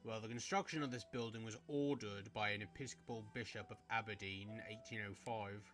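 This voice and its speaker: A man voicing a cautious, gossipy asylum worker in a put-on Scottish accent, speaking slowly in a lowered voice. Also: steady tone, fairly bright tone, faint music behind, close to an everyday voice. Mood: confiding.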